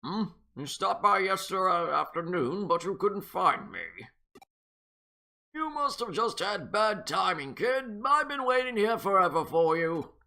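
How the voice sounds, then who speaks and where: A man voicing an impatient older man in a game, talking gruffly and a little higher than his own voice. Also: very animated, a little slow, bright, forceful tone, heavily acted. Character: impatient old man detective client.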